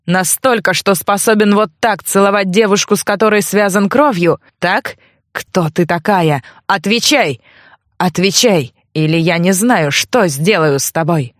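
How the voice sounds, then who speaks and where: A woman's voice: medium pitch, measured pace, dry recording, studio quality, natural voice. A woman voicing an angry, suspicious young nobleman who barks harsh threats. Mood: furious.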